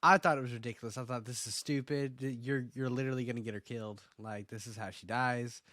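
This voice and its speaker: A man's voice: medium pitch, fairly even intonation, fast, a bit bright, dry recording, studio quality. A man from Oklahoma co-hosting a casual TV episode review, opinionated and rambling, with frequent restarts. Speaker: podcast co-host.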